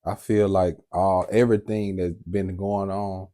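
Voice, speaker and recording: A man with a low, dark, relaxed voice speaks in short, encouraging bursts. He co-hosts a casual conversation and backs up his partner. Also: unhurried. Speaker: podcast co-host. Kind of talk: casual chat.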